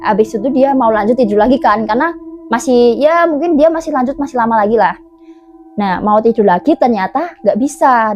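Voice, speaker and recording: A woman with a slightly high voice tells a spooky camping story in a loose, conversational way. She leans on fillers and stops to correct herself. A faint noise sits under the recording. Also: a little mellow. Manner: chatty, many fillers and self-corrections. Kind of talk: casual horror storytelling.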